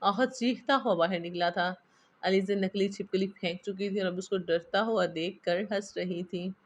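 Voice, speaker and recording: A woman reading a romance novel aloud in steady storybook narration. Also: medium pitch, moderate pace. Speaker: novel reader.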